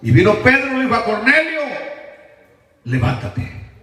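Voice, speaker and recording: Male pastor, bright and animated delivery, dramatic sermon storytelling, echoey church hall, far from the mic. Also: extremely high pitch, quick pace. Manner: dramatic storytelling, swings between shouts and hushed asides. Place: church sanctuary.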